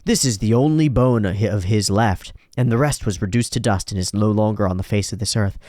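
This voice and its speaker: A man voicing a cold, menacing male spirit in a manga reading, speaking slowly and low in a commanding way. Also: warm tone, no room sound, clean studio sound, close to an everyday voice.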